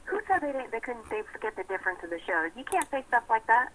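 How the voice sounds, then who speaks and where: A woman's voice: fairly high pitch, very animated, fast talker, a bit bright, slight background noise, rough recording. A young woman calling in as a sports reporter, chatty, laughing often and restarting her sentences. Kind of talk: casual on-air report.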